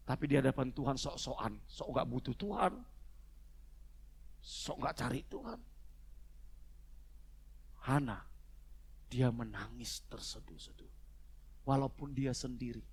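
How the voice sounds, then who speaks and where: A man preaching a sermon to his congregation, moving between quiet, low asides and loud, fervent shouting. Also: creaky, husky. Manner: addresses the congregation as "saudara". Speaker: pastor. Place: church service.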